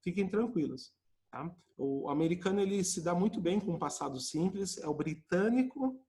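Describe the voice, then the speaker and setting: A man with a high voice and a Brazilian Portuguese accent teaches English in a live online lesson. He explains grammar with quick acted-out example exchanges. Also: animated, warm tone.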